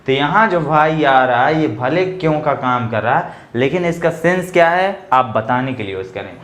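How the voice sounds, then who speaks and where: A man's voice: mid-range voice, lively intonation, a bit bright. Casual man teaching English grammar, echoey room. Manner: explains casually, reads English examples slowly and translates them; chatty, addresses viewers as bhai and bhaiya. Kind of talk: classroom-style grammar lesson.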